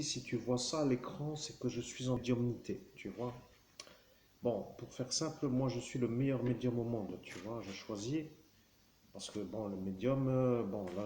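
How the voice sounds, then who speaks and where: Talking directly to his audience, a male vlogger wanders through a monologue full of fillers, self-corrections and constant "tu vois" check-ins. His voice is mid-range and dark in tone. Faint background noise sits under a roomy echo.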